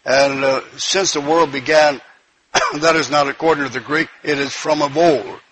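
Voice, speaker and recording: A man's voice: a little high, normal speed, fairly bright tone, slightly rough, no echo, poor audio. A man preaching a sermon, reading King James scripture aloud and breaking in with emphatic repeated phrases and praise.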